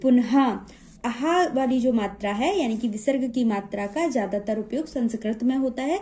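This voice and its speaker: Female teacher, slightly high and warm-toned, unhurried, patient with repeated drawn-out words. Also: expressive, a little hiss or hum. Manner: patient, stretches out example words and repeats them, frequent "okay?" check-ins. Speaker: Hindi teacher. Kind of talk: classroom-style reading lesson.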